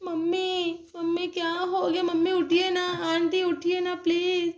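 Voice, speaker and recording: A woman's voice: very high-pitched, completely flat delivery, unhurried, reverberant. A woman voicing a worried little girl doll in a doll story, pleading in a childlike way.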